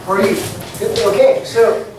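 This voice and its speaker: An aviation instructor with a mother tongue lectures a class in a loose, repetitive style full of "okay" and "you know," speaking slowly in a mid-range voice. A distant room mic picks it up from far off in an echoey, noisy classroom.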